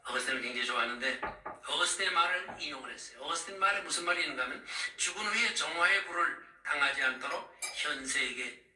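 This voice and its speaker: Animated preacher man in an echoey church. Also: on the high side, fast talker. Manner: animated, calls out to the congregation. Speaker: pastor. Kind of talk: sermon recounting visions. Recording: echoey room, distant mic.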